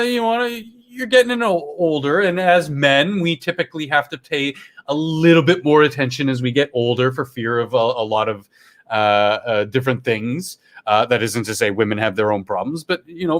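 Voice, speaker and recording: A man's voice: a little high, fairly bright tone. A middle-aged man from Canada co-hosting a live stream, chatting casually about the news, swearing and laughing as he goes. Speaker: livestream co-host. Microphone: earphones on a home streaming setup.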